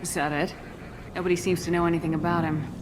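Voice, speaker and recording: A woman voices a cool, direct military commander in a sci-fi video game. She has a fairly low voice and a terse, probing delivery, set against clear rumbling noise. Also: little pitch movement, quick pace, lightly acted. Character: cool, direct female space soldier commander. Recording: rumbling noisy background.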